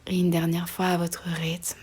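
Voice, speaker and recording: With a lowish, monotone voice, a yoga nidra guide talks listeners through relaxation, breathy and soft to the point of almost whispering at times. She moves slowly and soothingly, pausing after each short phrase.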